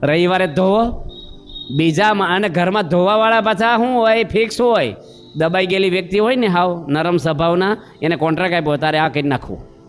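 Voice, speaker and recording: A man with a high voice preaches a sermon a little fast, with faint music behind him. He tells homely stories, acting out the voices, and puts questions to his listeners.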